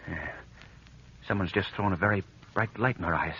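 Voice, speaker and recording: An actor playing a mysterious, commanding crime-fighter in a theatrical 1940s radio mystery style, precise and menacing. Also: male voice, low voice, moderate pace, sharp tone, slight background noise. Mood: puzzled, tense. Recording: dull old-time radio recording.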